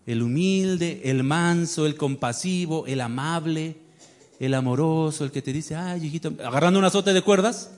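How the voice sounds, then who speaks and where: A male pastor preaching a sermon, emphatic and full of rhetorical questions to the congregation. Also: sits high.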